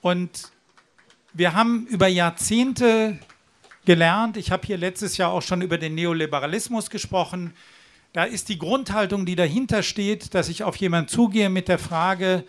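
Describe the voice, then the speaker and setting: A man's voice: high voice, normal speed. A man from southwestern Germany giving an earnest, persuasive speech at a demonstration, with the odd restart. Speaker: rally speaker. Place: outdoor rally.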